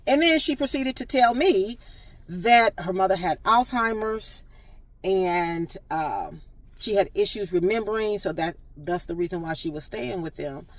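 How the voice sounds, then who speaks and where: A woman's voice: medium pitch, expressive, a little slow, dry recording, far from the mic. A woman notary public telling a story to camera, earnest and direct, firm on principle.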